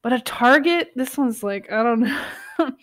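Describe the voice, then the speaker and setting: A woman's voice: fairly high pitch, lively intonation, measured pace, a bit bright, dry recording, clean studio sound. A young woman casually reading online stories aloud and commenting on them, chatty and giggly. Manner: chatty, giggly, lots of filler words. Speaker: channel host reading stories.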